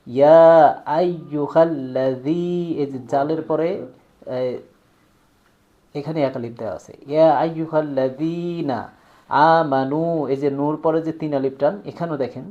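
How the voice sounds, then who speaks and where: A man demonstrating a product step by step, slowly drawing out example words. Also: fairly high pitch, highs cut off.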